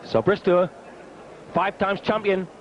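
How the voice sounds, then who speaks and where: A man's voice: high voice, steady tone, takes it slowly. Male darts commentator on dull archive TV. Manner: colourful, wry turns of phrase. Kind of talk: live sports commentary. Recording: dull, noisy archive TV broadcast.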